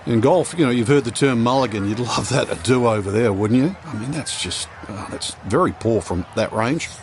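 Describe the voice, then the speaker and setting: A man's voice: mid-range voice, normal speed, a little hiss or hum, lightly acted. A man playing a golf commentator, the plain-spoken analyst explaining shots conversationally in a video game broadcast. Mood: matter-of-fact.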